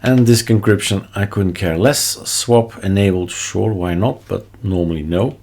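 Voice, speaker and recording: Low, creaky Belgian-accented man. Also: moderate pace, darkish tone. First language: not English. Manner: short choppy phrases, offhand asides. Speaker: tutorial host. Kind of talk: casual screencast tutorial, thinking aloud. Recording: noticeable background noise, keyboard clicks and typing. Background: keyboard typing and mouse clicks.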